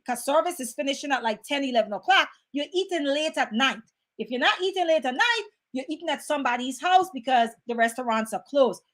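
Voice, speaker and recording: An animated, high-voiced woman hosts a casual livestream, chatting conversationally as she reads out comments from viewers in the live chat.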